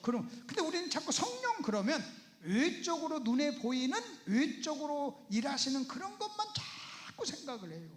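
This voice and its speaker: A male pastor preaching at a Bible seminar in a church, often putting rhetorical questions to the audience. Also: very high-pitched. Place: church sanctuary. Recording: roomy church echo.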